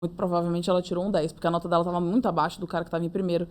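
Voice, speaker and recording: This is a young woman being interviewed. She tells her story in a casual, lively way. She keeps slipping into acted-out quotes of her own and other people's words. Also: lowish voice. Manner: animated, acts out her own and others' lines in quick reported speech. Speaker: interviewee, approved medical student.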